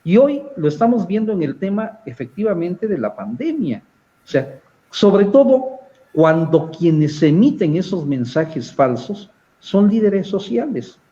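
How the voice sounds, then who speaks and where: A Mexican man talks through political analysis on a discussion panel, his voice pitched a touch high but soft and mellow. He builds his points slowly, with frequent hesitant pauses between phrases. The recording is somewhat muffled. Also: very animated.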